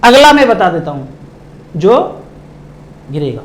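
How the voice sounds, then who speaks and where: A middle-aged man from India explaining investing to viewers, emphatic, slowing down and breaking words apart for stress. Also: high-pitched, big pitch swings. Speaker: mutual fund distributor.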